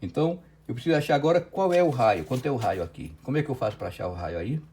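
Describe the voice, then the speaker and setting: Racing along in a mid-range, slightly mellow and expressive voice, a man with a Brazilian Portuguese accent teaches physics in an online lecture. He breaks a problem into steps and checks in often with "certo?".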